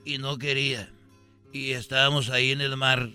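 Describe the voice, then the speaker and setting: A man telling a comic story about his family in a slow, deadpan way. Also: medium pitch, smooth, soft background music. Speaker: comedian telling an anecdote. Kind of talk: comedy sketch storytelling.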